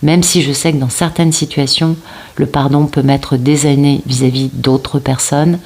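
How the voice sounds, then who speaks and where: Woman, French accent, low-pitched voice, tarot reader, casual, hesitant fillers, talks to viewers. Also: level tone, measured pace, darkish tone. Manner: searching for words, many fillers and restarts; addresses viewers directly, seeking agreement. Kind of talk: casual spoken tarot reading.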